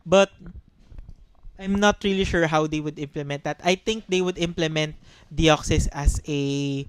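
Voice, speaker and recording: A man's voice: a little high, fairly even intonation, unhurried, clean tone, dry recording. A man co-hosting a casual gaming podcast, thinking aloud with frequent restarts and ums. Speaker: podcast co-host. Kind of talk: casual chat.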